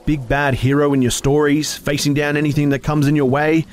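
A man voicing an angry, drunk young woman who yells and taunts. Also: on the low side, lively intonation, extremely slow, husky, pitched above the performer's own voice, heavily acted. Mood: taunting, yelling. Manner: yelling, taunting.

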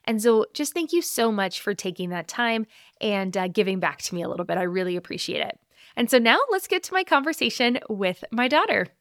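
A woman's voice: medium pitch, big pitch swings, fairly quick, fairly bright tone, dry recording. Upbeat woman podcaster, dry sound. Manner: upbeat, chatty, direct appeals to listeners. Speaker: podcast host. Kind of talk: podcast intro and casual chat with her child.

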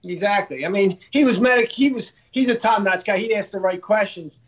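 A man guest talking casually in a halting, self-deprecating way, often repeating words. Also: sits high, highs cut off. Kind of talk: casual interview talk.

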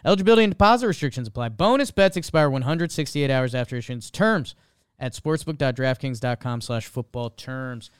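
Man rattling off a fast legal disclaimer. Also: mid-range voice, lively intonation, smooth, no echo, studio quality. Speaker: show host. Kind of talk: fast scripted ad disclaimer read.

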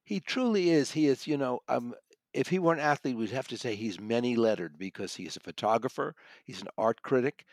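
In clean studio sound with no echo, a man who reviews audiobooks and writes for a magazine speaks in a brisk, animated, medium-pitched voice. His manner is conversational, thoughtful and emphatic, with frequent self-corrections.

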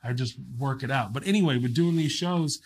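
A man's voice: medium pitch, a little fast. A male comedian telling stories in casual chat, loose and profane, full of fillers like man and bro. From American. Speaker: stand-up comedian guest.

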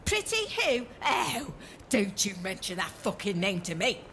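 A brash, foul-mouthed woman politician in her middle years, put on by a male comedian, boastful and indignant. The voice is bright and cutting. Faint room noise sits under it. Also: sits high, wildly swooping pitch, a little slow, pitched above the performer's own voice, heavily acted.

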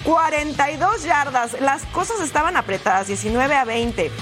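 Woman, high pitch, football highlights commentary, touchdown-call delivery, drawn-out key words, faint background music. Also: expressive. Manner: exclamatory, stretches key words. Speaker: sports highlights presenter.

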